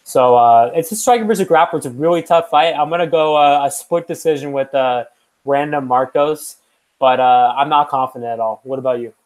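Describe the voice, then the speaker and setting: A man's voice: medium pitch, brisk, poor audio. A young man co-hosting a podcast, talking through fight picks in a loose, rambling way with lots of fillers and restarts. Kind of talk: casual chat.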